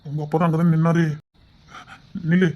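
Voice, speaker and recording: An ardent young man, as a woman acts him out, speaking in a very low voice. He coaxes and flatters his sulking sweetheart, sometimes dropping to a hushed whisper. It sounds like a homemade romantic audio drama. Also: brisk, natural voice. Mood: coaxing.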